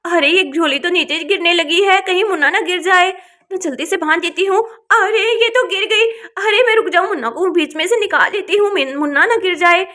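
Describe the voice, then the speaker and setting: A woman's voice: very high-pitched, a little fast, bright, forceful tone. A woman voicing a young village woman who frets and pleads while minding her sister's baby in a doll story. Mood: fretful. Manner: fretful, pleading.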